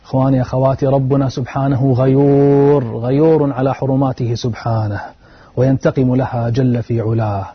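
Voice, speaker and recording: A man's voice: medium pitch, flat delivery, a little fast, husky. A man preaching an earnest sermon, telling a moral story and urging his listeners, his voice climbing at emotional peaks. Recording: dull lo-fi recording.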